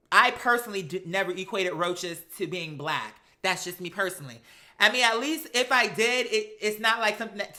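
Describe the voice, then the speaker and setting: Sharp-toned and high-voiced, this American man hosts a livestream, chatting casually with live viewers. He gives his opinions emphatically, in slangy, conversational language.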